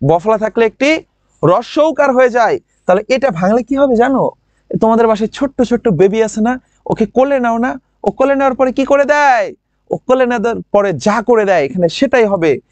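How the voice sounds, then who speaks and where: A man with a regional Bangladeshi lilt teaching a grammar class online. He drills words by saying them slowly again and again and keeps asking his students questions. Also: very high voice, expressive, dry recording, dull audio. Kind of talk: online admission-prep class.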